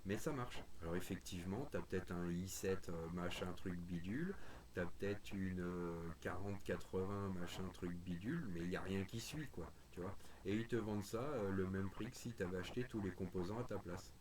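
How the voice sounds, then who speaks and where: A radio hobbyist chats casually on a group call stream, bluntly sharing opinions in informal slang. His voice is low-pitched at a moderate pace, with background noise behind him.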